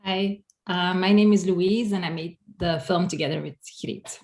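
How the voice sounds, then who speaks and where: Female filmmaker, lowish voice, casual storytelling, roomy sound. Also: normal speed, darkish tone. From Europe. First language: Dutch. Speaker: documentary filmmaker. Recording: echoey room.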